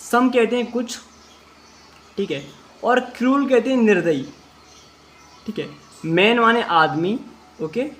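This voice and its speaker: A man teaching an English class, reading English sentences slowly word by word and then explaining each word step by step. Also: extremely high pitch, fairly bright tone. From India. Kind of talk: classroom translation lesson.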